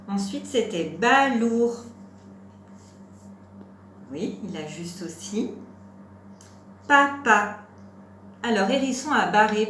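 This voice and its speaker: Woman teacher for a small children's phonics lesson: slow and patient, stretches words, echoey room with faint noise. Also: medium pitch. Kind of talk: home-school phonics lesson for young children.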